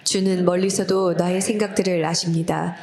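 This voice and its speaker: A congregation, many voices led by women, reading scripture aloud together. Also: female voice, on the low side, little pitch movement, crowd noise. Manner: reading together slowly and evenly.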